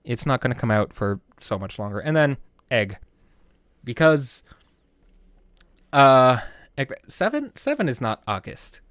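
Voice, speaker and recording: A man casually talking through the making of his own videos, rambling, trailing off and restarting, with bursts of excitement. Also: medium pitch, measured pace, pauses often, dry recording, clean studio sound. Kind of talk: casual behind-the-scenes commentary.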